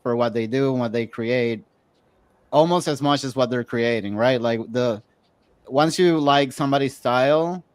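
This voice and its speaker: A man's voice: mid-range voice, normal speed, smooth, no echo. A man leading a casual group discussion, chatty and encouraging others to speak.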